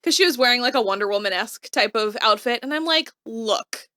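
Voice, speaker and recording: A bright, forceful woman co-hosting a casual recap podcast. She retells scenes in a chatty way and slips into quoted asides. Her voice sits a touch high and the sound is dry and close. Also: animated, quick pace, dry recording. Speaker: podcast co-host.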